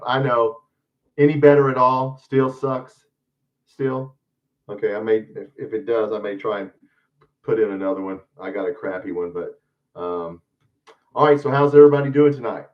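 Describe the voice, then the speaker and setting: A man's voice: lowish voice, moderate pace. A man hosting a live stream, chatting casually through a headset mic that makes him sound hollow, as if in a tunnel. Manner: rambling, troubleshooting aloud. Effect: hollow echoing tunnel sound from a faulty mic. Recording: muffled, distant, dull headset audio.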